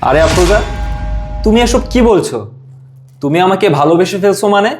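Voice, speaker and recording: A man's voice: high voice, expressive, fairly quick, over music. A man playing an upright young husband in a short film, scolding and indignant as he rebuffs his sister-in-law.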